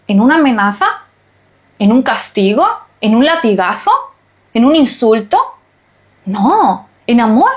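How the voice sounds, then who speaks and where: A woman hosting a spiritual podcast, speaking earnestly and urging listeners with emphatic repeated phrases. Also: on the high side. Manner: earnest, emphatic, repetitive exhortations. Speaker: podcast host and holistic nutritionist.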